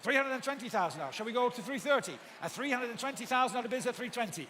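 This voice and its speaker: Fast, high-pitched male auctioneer in echoing hall. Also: animated, sharp tone. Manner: repetitive, insistent chanting of numbers and bids. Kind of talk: live auctioneer bid calling. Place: large auction hall with bidders present. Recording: echoey hall PA with background noise.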